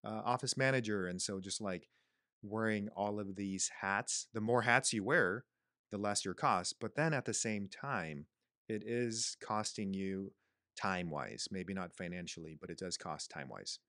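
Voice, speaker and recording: A man in his thirties co-hosting a podcast, explaining costs in a relaxed, casual way and listing points with fillers. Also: lowish voice, measured pace, no room sound, clean studio sound. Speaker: podcast co-host, clinic owner. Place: small quiet room, indoors. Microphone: studio mic on stand, headphones.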